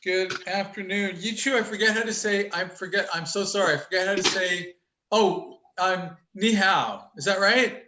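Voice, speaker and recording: A man teaching a casual online college class over a video call, chatty and upbeat, quick-talking and fond of teasing his students with jokes. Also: high voice, noisy background. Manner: talks quickly. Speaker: college instructor.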